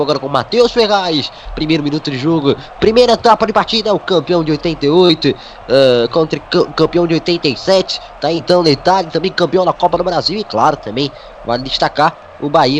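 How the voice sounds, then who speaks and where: Brazilian man calling football, slightly high-pitched. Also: slight background noise. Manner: projected, announcer-like, with stock catchphrases. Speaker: radio football commentator. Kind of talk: live play-by-play commentary.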